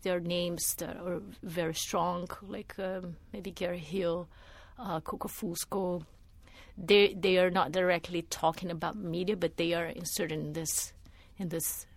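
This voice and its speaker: Here the same kind of speaker, a middle-aged Brazilian media artist and ex-art teacher, gives reflective interview answers full of fillers and false starts. Her voice sits on the low side, and the recording is dry.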